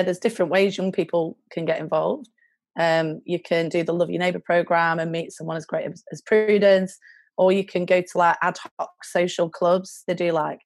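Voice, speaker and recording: A young British woman talks casually as a guest on a podcast. Her voice is a little low for a woman. The recording is dry and close. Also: vocal fry, darkish tone, no echo. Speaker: charity worker, podcast guest. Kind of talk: casual chat.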